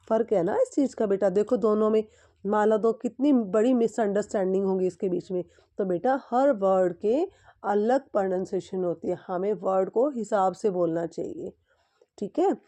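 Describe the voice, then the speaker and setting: A woman's voice: mid-range voice, warm tone. A young woman teacher telling a story to children and explaining each line again in simple words.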